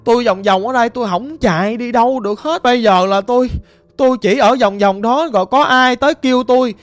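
A woman voicing the ghost of a dead man speaking through a shaman, groaning and muttering low in a ghost story. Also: fairly quick, no echo, soft background music, natural voice. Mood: dazed.

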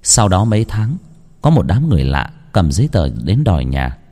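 A man's voice: low-pitched, big pitch swings, normal speed, dark tone. A man narrating a first-person horror story in an emotional, dramatic storytelling manner.

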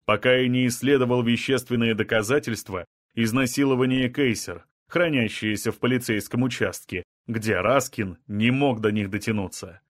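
A male reader voicing a calm, blunt man from another kind of people, level and matter-of-fact even about killing. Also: medium pitch, normal speed, no echo, clean studio sound, natural voice.

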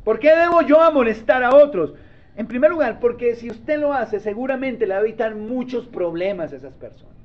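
A man's voice: very high-pitched, expressive, fairly quick. A male pastor giving a conversational sermon, often asking his listeners to agree and acting out short dialogues, in a dull lo-fi recording. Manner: acts out little dialogues.

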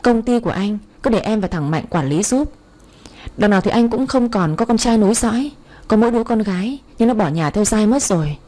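A woman's voice: mid-range voice, expressive, brisk, dark tone, lightly acted. A woman voicing a scheming man in his fifties who taunts and gloats. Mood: gloating. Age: 50s. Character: scheming middle-aged man, gloating villain.

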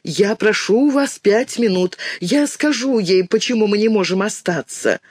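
A man's voice: on the high side, big pitch swings, measured pace, breathy edge, no room sound, studio quality, full character voice. A man putting on a nervous, pleading mother. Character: anxious, gentle mother of three daughters.

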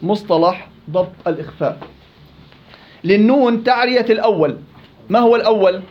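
A man's voice: high-pitched, animated, fairly quick, dull audio. A man teaching a recitation class, quizzing students and repeating words to demonstrate them. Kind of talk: classroom lesson.

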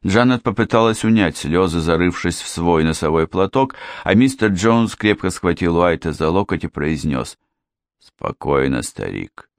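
A man narrating a classic detective audiobook in a measured, even reading. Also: low-pitched, dry recording, clean studio sound. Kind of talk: scripted narration.

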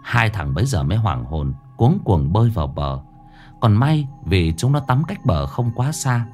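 A male storyteller narrates a spooky tale in the first person. His fairly low voice rises and falls widely as he dramatizes the scenes. Soft music plays faintly underneath. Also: sing-song, normal speed. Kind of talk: scripted ghost story narration.

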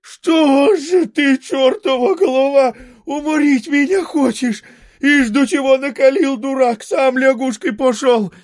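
A man voicing a fat, panicky male merchant in a steaming bathhouse who wails in shrill yells. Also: big pitch swings, moderate pace, no echo, studio quality. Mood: shrieking.

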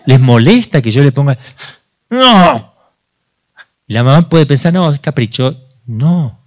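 Un sacerdote de Argentina que da una plática informal, le hace preguntas al público y recrea diálogos. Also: male voice, mid-range voice, normal speed, a little mellow. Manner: conversational, asks the audience questions, acts out dialogues. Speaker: priest. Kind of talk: informal sermon talk.

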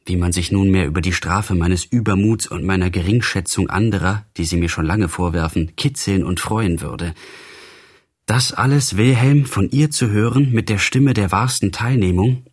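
Male audiobook reader, low husky voice, impassioned first-person narration. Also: moderate pace. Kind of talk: literary audiobook reading.

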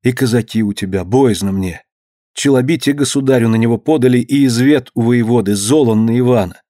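A man's voice: mid-range voice, brisk, dark tone, no echo, clean studio sound, close to an everyday voice. A man reading an audiobook and voicing a frightened young wife who speaks anxiously. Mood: worried. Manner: anxious, plaintive.

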